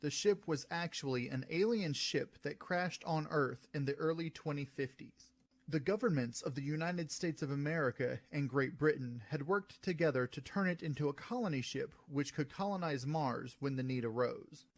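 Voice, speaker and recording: A man narrating his own science fiction story in a steady reading voice. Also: fairly high pitch, normal speed. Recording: soft music behind.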